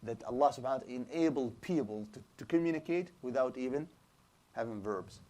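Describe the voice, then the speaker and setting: An Islamic studies teacher lectures in a small room with a projector screen, his voice medium-pitched, quick and dark. He explains the material, tosses rhetorical questions at the class, and often restarts his sentences.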